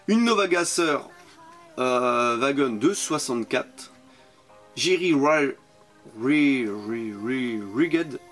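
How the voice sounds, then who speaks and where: A man with a French accent giving casual, enthusiastic commentary on toy cars from his collection, often repeating words for emphasis. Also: medium pitch. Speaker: toy car collector vlogger.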